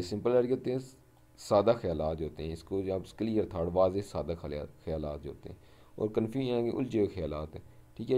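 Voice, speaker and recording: A man teaching a vocabulary lesson, explaining each word slowly, repeating "ٹھیک ہے" and reading English example sentences slowly. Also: sits low, warm tone. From Pakistan. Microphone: voice-over over a screen recording.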